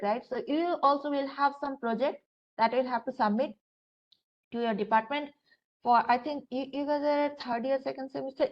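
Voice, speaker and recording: A woman's voice: high voice, highs cut off. A woman with an Indian English accent giving a classroom lecture, talking conversationally with many fillers and speaking straight to her students. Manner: conversational, frequent fillers, addresses students directly. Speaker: university lecturer.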